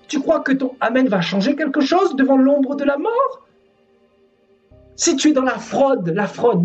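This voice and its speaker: A man's voice: sits high, a little mellow. A man preaching a sermon in a fervent, scolding way, repeating his phrases for emphasis. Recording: distant dull sound with music.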